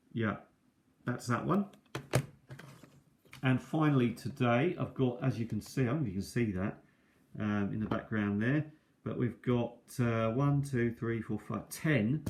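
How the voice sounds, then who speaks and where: A man with a medium-pitched, darkish voice rambles through an unscripted, laid-back review of his cassette tapes, hesitating and frequently correcting himself. He sits at a kitchen table indoors, and a tablet's built-in microphone records him.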